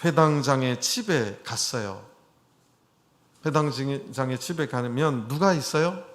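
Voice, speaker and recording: A middle-aged man with a mid-range voice speaks at a slow pace. He's a pastor preaching a sermon in a church hall, chatting with his congregation in a conversational way and asking them questions.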